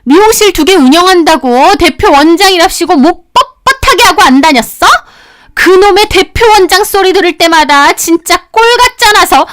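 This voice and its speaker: A shrill, bossy sister-in-law, as a woman storyteller puts her on, voice pitched high and loud with contempt. She barks and sneers, lording it over her younger in-law. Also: lively intonation, normal speed. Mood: scornful shouting. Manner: shouting, contemptuous, domineering.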